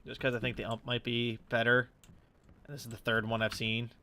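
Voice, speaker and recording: In his room at home, a gaming YouTuber with a slightly stuffy nose does casual, sweary let's play commentary, thinking aloud as he plays. His medium-pitched voice is monotone, bright and forceful, and a little fast.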